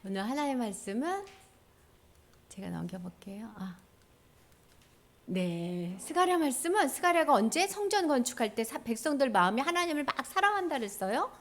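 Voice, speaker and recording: A woman preaching to children in a high, lively voice that leaps up and down. She keeps asking the kids questions and retells the story with animation. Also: normal speed. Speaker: children's pastor. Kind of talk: children's sermon.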